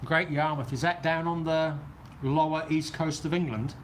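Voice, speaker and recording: A man's voice: a little high, steady tone, moderate pace. Kiwi guy chatting on a livestream, easygoing and rambly, faint noise in the background. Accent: New Zealand. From New Zealand. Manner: chatty, rambling, answers viewer comments. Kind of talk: casual live chat reading comments. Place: outdoor weather shelter on a golf course.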